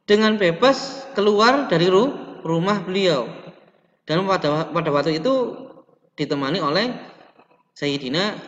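A man's voice: high-pitched, a bit bright. Young male teacher in an echoey room. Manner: reads slides aloud and adds explanation, with restarts and stretched words. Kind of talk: online lesson explaining slides. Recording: roomy, reverberant, dull lo-fi webcam audio.

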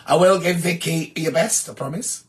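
A man with a sore, hoarse throat hosting a live stream, chatting casually and reading out viewer comments. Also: fairly high pitch, moderate pace. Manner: chatty, rambling, self-deprecating.

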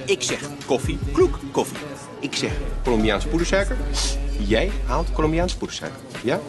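A man's voice: a little high, big pitch swings, moderate pace, music in the background. An actor playing a domineering male criminal boss in a film, giving clipped, commanding statements. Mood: controlling. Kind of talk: film acting, gangster crime comedy.

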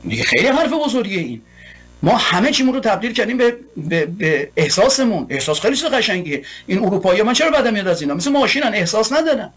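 A man with a high-pitched voice delivers a heated political monologue. He argues rhetorically, piling up long repeated lists. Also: big pitch swings, a bit bright, breathy edge. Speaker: political commentator.

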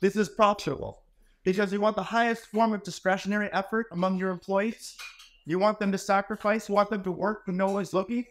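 A man's voice: high-pitched, fairly even intonation, brisk. A man in his forties giving a motivational keynote in an ornate wood-paneled hall, telling stories in an emphatic, conversational way into a handheld microphone. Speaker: keynote speaker.

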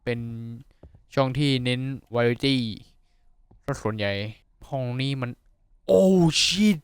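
A man giving casual, profane commentary on a horror game, yelping when startled and dropping to a hush while sneaking. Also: medium pitch, takes it slowly, clean tone, no echo, studio quality. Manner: excitable, swears a lot, yelps when startled; drops to a hushed voice while sneaking. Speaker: gaming YouTuber.

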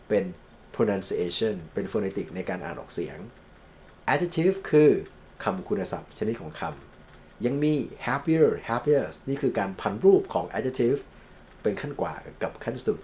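A Thai man lectures on English grammar and legal vocabulary, reading English examples slowly and then explaining them quickly. His voice is medium in pitch and a little mellow.

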